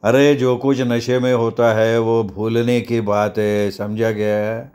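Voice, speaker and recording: A man voicing a gruff older slum tough who speaks in a slow, menacing growl. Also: mid-range voice, little pitch movement, darkish tone, lightly acted.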